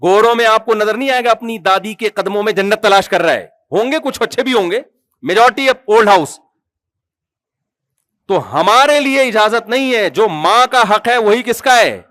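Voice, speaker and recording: Pakistani male preacher, lively joking sermon, high voice, dry mic. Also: dry recording. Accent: Pakistani Urdu. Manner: humorous, animated storytelling with acted quotes; asks the audience questions.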